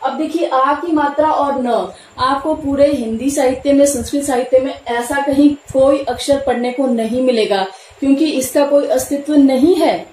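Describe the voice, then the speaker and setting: A woman's voice: high voice, steady tone, normal speed, darkish tone. A woman teaching Sanskrit grammar step by step, patiently repeating the key terms. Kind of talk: classroom lesson explaining grammar. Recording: echoey room, faint background noise.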